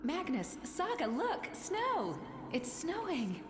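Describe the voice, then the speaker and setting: Gentle young mother, echoey room. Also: a little high, expressive, unhurried. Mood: joyful, tender. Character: gentle, solemn young mother devoted to home. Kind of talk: video game drama dialogue. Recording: echoey room with clear background noise.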